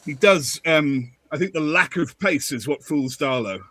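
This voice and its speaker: Lively man calling football play-by-play. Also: on the high side, a little slow. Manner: animated play-by-play, jokey asides. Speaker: football watchalong co-host. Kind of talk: excited live match commentary.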